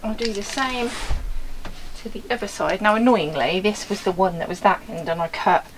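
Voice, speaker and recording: A woman's voice: mid-range voice, normal speed, background noise. A woman in her forties with an English accent, chatting casually and laughing at herself while working on a van. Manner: chatty and self-mocking, laughs often. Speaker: vlogger, van converter. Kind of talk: casual vlog chat. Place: inside a van on a driveway and outdoors beside a house.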